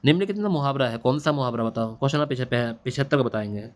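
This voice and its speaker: A man's voice: mid-range voice, animated, racing. A male teacher giving an exam-prep Hindi lesson, repeating answers and quizzing students back on them. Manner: repetitive, drilling answers with quiz-back questions. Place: classroom or home studio at night. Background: faint hiss of a machine running nearby.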